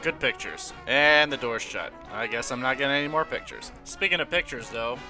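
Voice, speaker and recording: A man's voice: medium pitch, expressive, fairly quick, over music. A young man casually commentating a game, laid-back and slangy, laughing now and then. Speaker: gaming channel host.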